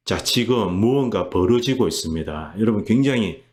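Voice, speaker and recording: Guy hosting his own commentary show, really deep voice, punchy and emphatic. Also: lively intonation, normal speed, darkish tone. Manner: emphatic, reenacts quotes in a heated voice. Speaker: commentary channel host. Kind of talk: political commentary monologue.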